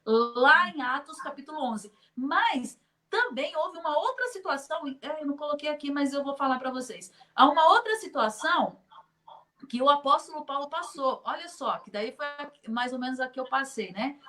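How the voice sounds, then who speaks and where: A woman's voice: sits high, moderate pace. A middle-aged woman from Brazil who teaches in children's ministry, giving an online conference talk and telling stories with acted-out dialogue and frequent laughter. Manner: lively storyteller, laughs often, acts out quoted dialogue.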